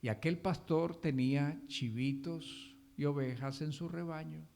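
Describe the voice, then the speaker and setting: A man's voice: a little high, unhurried, creaky, darkish tone, slight background noise. A male pastor preaching a sermon, asking the congregation questions and answering them himself, with emphatic stress on key words.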